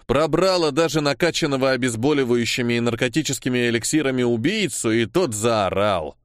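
A man narrating an audiobook in a steady storytelling voice. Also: medium pitch, brisk, clear, resonant tone, no room sound, clean studio sound. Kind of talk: scripted narration.

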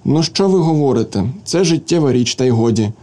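A man reading a story aloud, voicing a plain, quiet young woman typist who speaks timidly and awkwardly. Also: mid-range voice, lively intonation, a little fast, lightly acted. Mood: shy.

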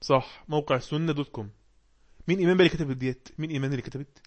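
A man with an Egyptian accent teaching an English class online, explaining words and quizzing the class with quick questions. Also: on the high side, darkish tone. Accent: Egyptian Arabic. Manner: reads English passages slowly.

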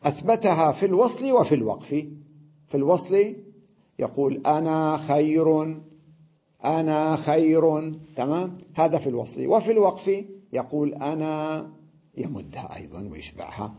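A man teaching an Arabic grammar lesson, explaining step by step, checking with his students and slowly repeating example words. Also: a little high, slightly rough. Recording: dull lo-fi lecture recording.

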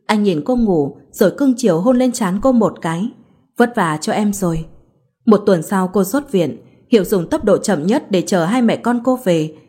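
A woman narrating a romance story in a calm, even storybook reading. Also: mid-range voice, moderate pace, husky. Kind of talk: scripted narration.

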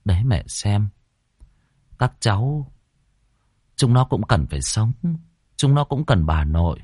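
A man's voice: lowish voice, big pitch swings, unhurried, mellow, slightly rough, dry recording, studio quality, exaggerated voice. A man voicing a worried adult son who pleads with and comforts his mother in a ghost story. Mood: uneasy.

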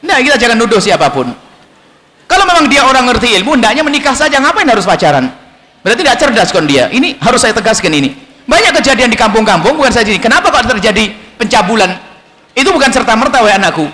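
Fast, bright-voiced man preaching in a hall. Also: extremely high pitch. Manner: animated, acts out dialogues in changed voices. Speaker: Islamic preacher. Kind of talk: sermon to students. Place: school hall with audience. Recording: echoey hall, long reverb.

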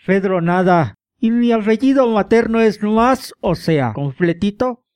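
A man acts out a tortured prisoner in a radio drama, defiant and resigned. His tone is dark and mellow, his speech full of sardonic, mock-polite irony. The sound is dry and close. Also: high-pitched, animated, unhurried, smooth, dry recording. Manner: sardonic, ironic, mocking politeness.

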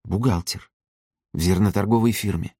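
A man reading an audiobook, voicing a timid, polite young clerk who speaks softly. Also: lowish voice, normal speed, dry recording, clean studio sound, lightly acted.

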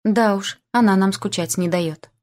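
A woman's voice: medium pitch, moderate pace, darkish tone, close to an everyday voice. A woman voicing a reserved, grumbling older uncle who speaks with dry restraint, in an audiobook.

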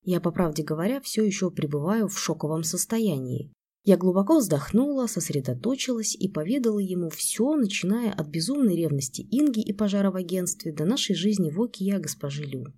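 A woman giving scripted first-person audiobook narration in an even, measured way. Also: lowish voice, breathy edge.

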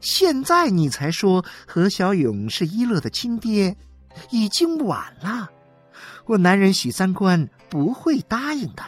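A woman's voice: medium pitch, big pitch swings, a little slow, breathy edge, faint music behind. A woman voicing a smug, chatty wife who gloats and scatters sighing fillers through her talk. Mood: gloating. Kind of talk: dramatic reading.

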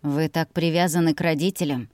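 Woman doing a male steward: lowered, soft and polite, quietly probing. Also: fairly even intonation, brisk, dry recording, studio quality, close to an everyday voice. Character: warm, courteous older male house steward. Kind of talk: audiobook character voice.

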